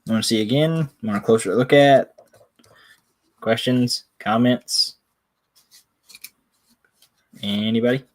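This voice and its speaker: A man's voice: mid-range voice, slow pace, pauses often. A man with a Tennessee accent chats casually and folksily on a live sales stream, a bit self-deprecating. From Tennessee, USA. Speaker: coin seller.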